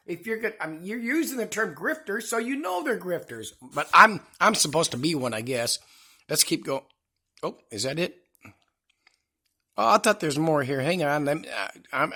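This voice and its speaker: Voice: mid-range voice, bright, forceful tone. A channel host giving a rambling, profane commentary rant from indoors at home, angry and full of restarts. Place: house, indoors.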